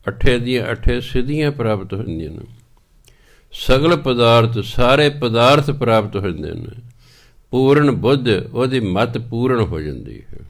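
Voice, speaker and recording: A man with a Punjabi accent delivers a scripture sermon in a somewhat low voice. He chants verses slowly and then explains them plainly. He keeps repeating his key phrases. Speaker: Sikh scripture preacher.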